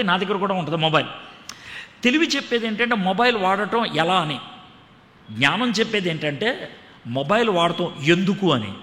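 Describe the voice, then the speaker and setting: Bright, high-voiced male preacher in a hall. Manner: lively, acts out dialogue in different voices. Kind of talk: storytelling sermon. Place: large church hall. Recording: echoey hall reverb.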